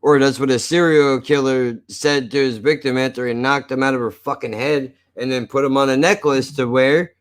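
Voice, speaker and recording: A man's voice: medium pitch, fairly even intonation, moderate pace, hardly any pauses. An American man chatting casually on a live stream, blunt and profane, with slightly slurred, lisping speech as if his teeth are missing. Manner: blunt, profane, self-deprecating.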